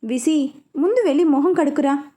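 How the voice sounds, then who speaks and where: A woman's voice: high voice, moderate pace, warm tone, lightly acted. A woman voicing a caring, firm woman who comforts and questions a crying friend.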